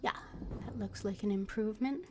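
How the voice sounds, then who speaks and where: A game streamer with a mid-range voice murmurs casually to herself on a livestream, thinking aloud, reading, and voicing her character's lines at a normal speed. Music plays in the background.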